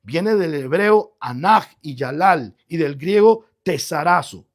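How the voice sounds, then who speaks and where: A man's voice: a little high, expressive, takes it slowly. A man preaching a radio sermon as pastor, reading scripture and rising in emphatic bursts.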